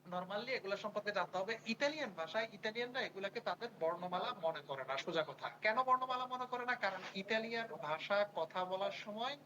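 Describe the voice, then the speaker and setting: A language teacher who says each sound slowly, repeats it, and asks the students to say it back. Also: medium pitch, lively intonation, sharp tone, lo-fi sound, slight background noise. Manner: repeats words and prompts students to say them back. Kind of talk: online language lesson.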